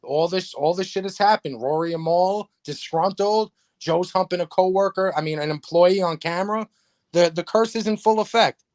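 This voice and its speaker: Profane New York podcast host. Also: male voice, sits high, normal speed, no room sound, clean studio sound. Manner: sarcastic, profane, animated ranting. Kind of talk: casual livestream podcast rant.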